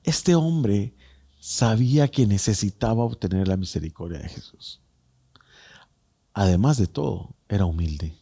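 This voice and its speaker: A male pastor preaching a sermon, repeating phrases for emphasis and swinging between raised cries and hushed lines. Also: fairly low pitch, lively intonation, unhurried, gravelly, breathy edge.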